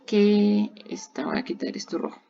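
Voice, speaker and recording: A woman's voice: mid-range voice, moderate pace, vocal fry, warm tone, slight background noise. A woman, an English teacher giving a recorded online grammar lesson, explaining patiently step by step and repeating examples. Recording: dull lo-fi recording.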